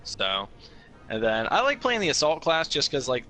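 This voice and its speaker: Man, eager gamer talk, swears a lot, bright forceful voice, headset. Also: a little high, wildly swooping pitch, moderate pace, soft background music. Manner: eager, swears while explaining game tactics. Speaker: podcast co-host. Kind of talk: casual gaming chat.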